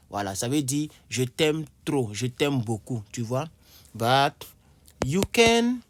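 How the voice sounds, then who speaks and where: A man giving a casual vocabulary lesson as an English teacher, repeating key words slowly and checking in often, with chatty, apologetic asides. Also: medium pitch, slight background noise.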